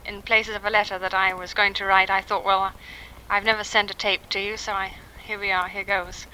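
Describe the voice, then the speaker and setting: On a 1960s home tape, an English woman in her thirties records an audio letter to her family from a quiet house, chatting casually and hesitantly with frequent pauses and ums. Her mid-range voice is level in tone, pushed and bright. The audio is poor, with a little hiss or hum.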